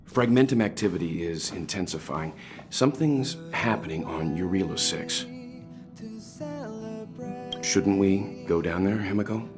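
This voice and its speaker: A man's voice: low voice, a little slow, music in the background. A man voicing a grave, protective middle-aged companion in a video game. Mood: concerned.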